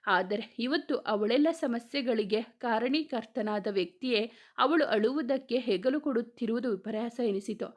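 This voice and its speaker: A woman storyteller giving a measured scripted narration of a romance story. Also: on the high side.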